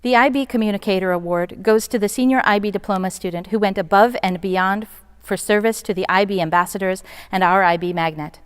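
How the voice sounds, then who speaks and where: A woman reading out award citations and recipients at a school ceremony in a measured, formal way. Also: medium pitch, steady tone, smooth, long reverb tail. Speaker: awards presenter. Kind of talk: formal scripted announcement.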